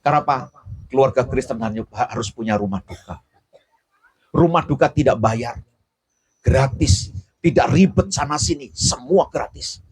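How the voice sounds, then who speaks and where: A man preaching a sermon, telling stories with passion as his voice swings low to high. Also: normal speed, long pauses, a little mellow, husky. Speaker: pastor.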